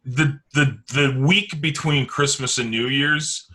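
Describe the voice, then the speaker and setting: A man's voice: mid-range voice, slow, bright, forceful tone. A man hosting a casual sports talk show, rambling loosely and swearing now and then. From Canada.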